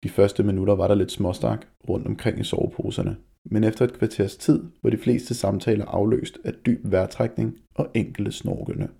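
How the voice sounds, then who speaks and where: A man narrating a children's story with a low, dark voice full of gravelly fry. His tone is husky and steady as he reads.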